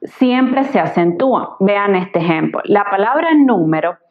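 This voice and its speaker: A woman's voice: mid-range voice, lively intonation. Patient woman tutor, slightly muffled. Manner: patient, spells words out slowly syllable by syllable. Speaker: Spanish tutor. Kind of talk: explanatory grammar lesson. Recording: slightly dull lo-fi recording.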